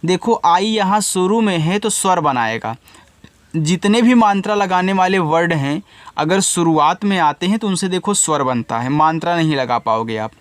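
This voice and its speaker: A man's voice: high voice, expressive, moderate pace, clear, resonant tone, no room sound. A man teaching reading step by step, patiently sounding out each word letter by letter and correcting himself when he slips. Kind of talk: step-by-step spelling lesson.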